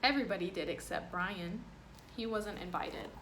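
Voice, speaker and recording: With background noise clearly audible, a woman with a medium-pitched voice speaks at normal speed as she reads a picture book to children. Acting as storyteller and teacher, she adds simple, plain explanations aimed at the kids.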